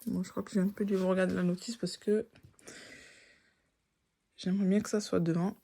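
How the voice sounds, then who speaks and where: A woman's voice: mid-range voice, little pitch movement, normal speed, creaky, warm tone. A woman doing a casual product review, thinking aloud and often restarting her sentences. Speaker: tech reviewer.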